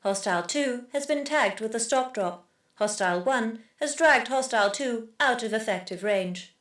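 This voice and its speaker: A woman voicing a stern female ship security computer that gives flat, measured status reports. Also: on the high side, roomy sound. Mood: stern clipped.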